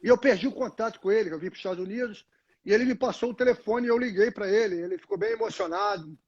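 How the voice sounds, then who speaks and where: This retired fighter's voice is very high, sing-song and quick, gravelly yet a little mellow, with a breathy edge. An older Brazilian guest in a casual live interview, he spins long rambling stories full of restarts and "né?" tags, captured in dull lo-fi sound by a phone on a tripod.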